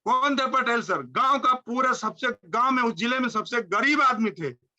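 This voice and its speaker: A man giving a fervent, high-energy motivational speech, repeating phrases in a driving rhythm. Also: lively intonation, normal speed, pushed and bright, highs cut off. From India. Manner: fervent, repetitive chanting phrases. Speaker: motivational speaker.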